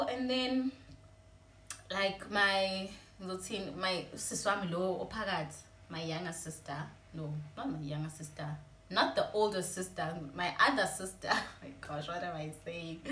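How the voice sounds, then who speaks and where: A young woman with a South African Zulu accent tells a personal story in a vlog, in a low voice. She speaks in an emotional, confiding way and slips between English and Zulu. Her voice sounds echoey, with faint ambient noise in the room behind her. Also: bright, forceful tone. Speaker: vlogger.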